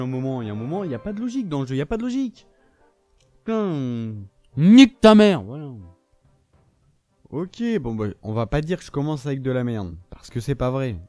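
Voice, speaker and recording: Hoarse, short-tempered French gamer ranting. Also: male voice, fairly high pitch, warm tone. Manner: swears a lot, quick to anger, rants at opponents. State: hoarse, losing his voice. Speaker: gaming video creator. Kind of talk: live gameplay commentary.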